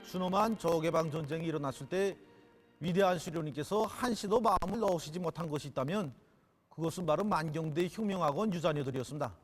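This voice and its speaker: High-voiced North Korean man over loud music. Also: fast. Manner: reverent, declamatory. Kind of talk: solemn scripted oratory.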